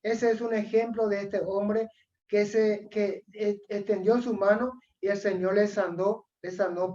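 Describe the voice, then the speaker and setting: A woman with a Paraguayan accent preaching a sermon. She speaks earnestly, keeps calling her listeners brother, and often clears her throat. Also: mid-range voice, a little mellow. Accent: Paraguayan Spanish. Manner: earnest, repeatedly addresses listeners as "hermano", frequent throat clearing. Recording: dull lo-fi recording.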